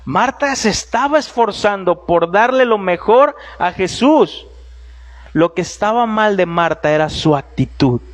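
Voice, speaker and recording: A man preacher giving a sermon in a church, animated and storytelling, with humorous asides and direct address to his listeners. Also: high voice, a little slow.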